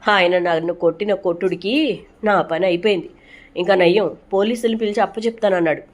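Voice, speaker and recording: A woman's voice: mid-range voice, steady tone, a little fast, close to an everyday voice. Sheepish male henchman, whiny and chatty, read by a woman narrator.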